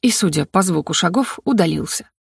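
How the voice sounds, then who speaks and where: A woman reading a first-person fantasy audiobook in a lively, playful way. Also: fairly low pitch, brisk, vocal fry, breathy edge, no echo, clean studio sound. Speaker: audiobook narrator.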